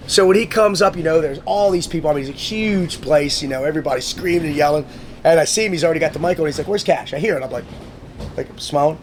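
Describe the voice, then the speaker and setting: Animated, swearing man telling stories. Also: fairly high pitch, a little hiss or hum. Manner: swearing, animated storyteller who acts out quotes. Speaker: guest, motivational speaker. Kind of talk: casual storytelling conversation.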